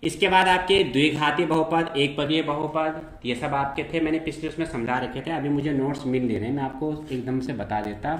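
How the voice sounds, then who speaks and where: A man's voice: fairly high pitch, moderate pace, few pauses, echoey room. A man teaching a math lesson to school students. He explains step by step and keeps checking that they follow.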